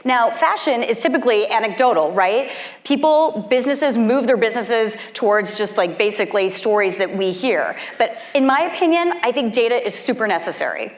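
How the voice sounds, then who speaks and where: A woman's voice: on the high side, expressive, brisk. A woman co-hosting a live event with conversational, staged debate banter. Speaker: event co-host.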